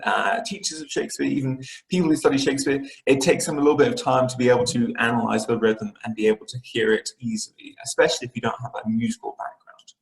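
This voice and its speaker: A man's voice: medium pitch, creaky, echoey room, rough recording. A man teaching an online English literature lesson, explaining patiently with frequent fillers and restarts.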